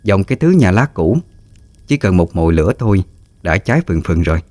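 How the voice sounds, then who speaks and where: A man with a Southern Vietnamese accent telling a story in a steady, plain way. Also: sits low, fairly quick, no room sound. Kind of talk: storytelling narration.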